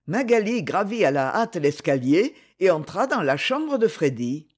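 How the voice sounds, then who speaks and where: A man reading a novel aloud with an expressive, dramatic delivery. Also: high-pitched, measured pace. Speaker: audiobook reader. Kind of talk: novel narration.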